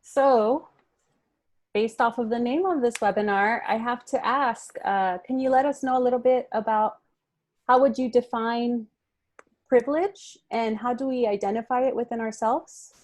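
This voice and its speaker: A woman from Miami, co-moderating a webinar, speaking with hesitant pauses and fillers. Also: on the high side, darkish tone. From Miami, USA. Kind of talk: webinar talk.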